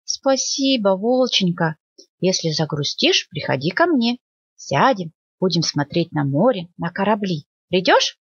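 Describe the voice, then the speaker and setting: A woman's voice: big pitch swings, measured pace, slightly rough, no echo, heavily acted. A woman voicing a small, eager hedgehog boy in a storybook reading, speaking earnestly in a raised voice. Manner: earnest, pleading, raised pitch. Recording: dull lo-fi dry recording.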